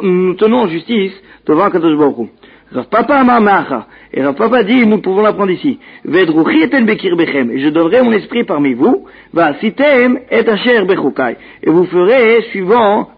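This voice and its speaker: High, gravelly male Talmud teacher. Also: highs cut off. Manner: reads each Hebrew phrase, then translates it into French; measured teaching delivery with small restarts. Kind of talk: reading and explaining a religious text.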